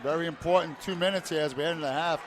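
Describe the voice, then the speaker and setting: A man calling a high school basketball game play by play in short clipped phrases, rising to shouts on big plays. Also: very fast. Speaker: play-by-play announcer. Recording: loud crowd and arena noise. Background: cheering crowd, bouncing basketball.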